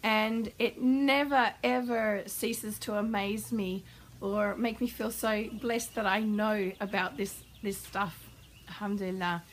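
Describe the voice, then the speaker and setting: A woman parenting coach answering a viewer's question, explaining calmly and warmly. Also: mid-range voice, slow pace, a little hiss or hum, low-quality recording. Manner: calm, warm explanatory advice.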